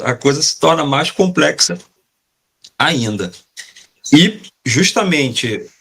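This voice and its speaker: A Brazilian man with a slightly husky voice at a middle pitch, speaking as a professor on a video call. He explains his point in a halting way, repeating words and restarting as he thinks. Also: bright, forceful tone. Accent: Brazilian Portuguese. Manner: hesitant, repeats words while searching for them. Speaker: professor giving a talk as panelist. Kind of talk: explanatory talk in a live web panel.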